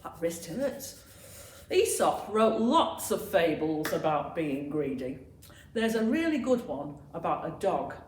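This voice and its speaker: A woman's voice: sits low, sing-song, measured pace, darkish tone. A woman presenting a playful comic sketch and telling a fable for a children's assembly. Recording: echoey room, faint noise.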